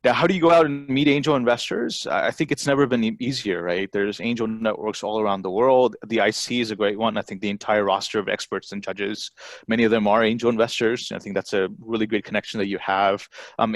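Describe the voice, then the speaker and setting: A man's voice: on the low side, dry recording. A man raised in Texas, giving an informal conference talk over a video call, chatty and sprinkled with "you know" and "right?". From born in Bangladesh, raised in Texas. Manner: conversational, tag questions and frequent fillers. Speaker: angel network CEO giving a presentation. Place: remote, presenting from home over a video call.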